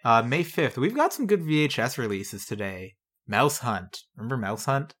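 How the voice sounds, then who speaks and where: A man's voice: medium pitch, big pitch swings, moderate pace, fairly bright tone, breathy edge. Man reading old news with dry asides. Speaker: podcast co-host.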